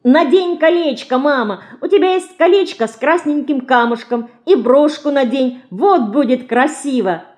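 Woman reading as a tiny excited girl, squeaky high and eager, mellow tone underneath. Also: normal speed. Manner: breathless, eager, high-pitched. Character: excitable wide-eyed little girl. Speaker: audiobook reader.

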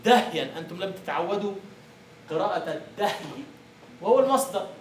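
A man's voice: high-pitched, animated, a little fast, a little hiss or hum. A male university lecturer teaching a class, explaining by asking the students questions and answering them himself. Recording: echoey room from far off.

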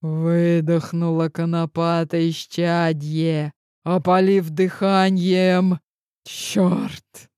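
A male narrator reads an audiobook in the first person, slow and measured with a dramatic edge. His voice is smooth and clear, dry and close to the mic. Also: sits high, fairly even intonation, darkish tone, dry recording.

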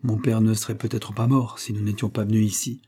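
An earnest, polite young Irish woman, read by a man in an audiobook. The voice stays close to the reader's own. It is husky and mellow. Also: fairly low pitch, flat delivery, a little fast. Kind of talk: audiobook reading.

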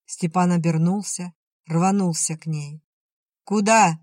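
A man reading a novel aloud in an even, measured storytelling voice. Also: fairly high pitch, no room sound, clean studio sound. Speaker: audiobook reader. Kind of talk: scripted narration.

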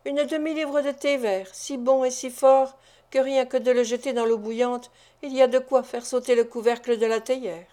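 A woman's voice: high voice, moderate pace, natural voice. Bates, a woman reading a cheeky young thief. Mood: boastful. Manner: boastful, lively praise. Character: cheeky young male pickpocket, boastful.

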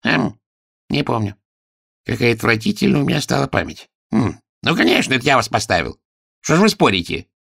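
A man's voice: medium pitch, sing-song, brisk, vocal fry, fairly bright tone, husky, no room sound, studio quality, voice pushed up, exaggerated voice. A man voicing a fussy, trembling old male master of ceremonies with a quavering voice, in a storybook reading. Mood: muddled.

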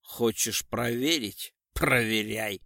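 A man voicing a shaggy, drunk male tramp who talks loud, brash and slangy. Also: mid-range voice, slow pace, vocal fry, dry recording, studio quality, voice pushed down, full character voice. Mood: defiant.

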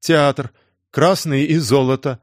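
A man voicing a halting teenage boy. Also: a little high, steady tone, dry recording, clean studio sound. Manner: halting, telegraphic short phrases.

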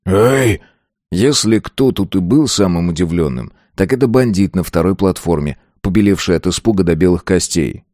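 A man narrates an audiobook in a steady, even way. His voice is very low, and the recording is close and dry. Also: fairly quick, few pauses, no echo.

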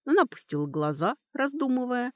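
An audiobook narrator gives a fantasy novel an expressive, lively reading. The pitch climbs and dips freely through each sentence. The recording is dry and close, with no room sound. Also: fairly quick, no room sound.

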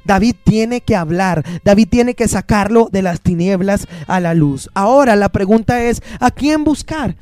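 A man pastor delivers a sermon in a high, ringing voice, driving his points home through rhythmic repetition. The recording is close and dry, with faint music playing underneath. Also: lively intonation, a little slow, few pauses, darkish tone, dry recording. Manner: preaching with repetition and emphatic rhythm; quotes scripture, acts out congregants' pleas.

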